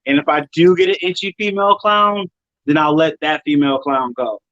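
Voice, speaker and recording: A man from Wisconsin, a guest on a casual chat, talking in a relaxed, rambling way and correcting himself. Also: fairly high pitch, a little fast, no room sound, lo-fi sound. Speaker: guest, snake breeder and podcaster.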